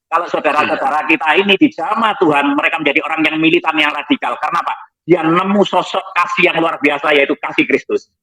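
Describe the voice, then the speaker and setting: A lively pastor with a tinge tells his story in a studio talk. His voice is bright and sits a little high. He jokes as he goes. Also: quick pace, low-quality recording. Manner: lively, jokey, repeats "next lagi" while showing slides. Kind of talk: testimony in a talk show.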